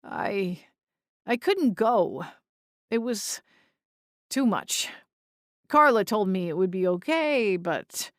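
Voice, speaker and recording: A woman voicing a forlorn, bewildered man's ghost with halting delivery in an audiobook. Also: medium pitch, animated, dry recording, clean studio sound. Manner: hesitant, halting. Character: bewildered, forlorn male ghost of a funeral worker. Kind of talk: audiobook character voice.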